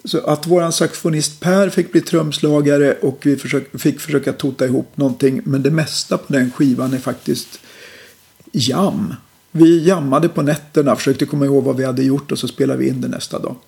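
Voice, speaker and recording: A middle-aged man, a musician, calmly telling stories about his old band in a casual interview, with lots of hesitations. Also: medium pitch, gravelly. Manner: relaxed, reflective storytelling with many fillers. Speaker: musician guest.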